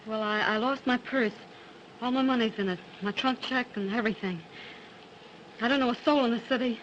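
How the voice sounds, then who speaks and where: An actress playing a lost, frightened young nursery governess who speaks hesitantly and pleadingly, in early 1930s talkie film sound. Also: female voice, a little high, fairly quick, a bit bright, muffled recording, a little hiss or hum.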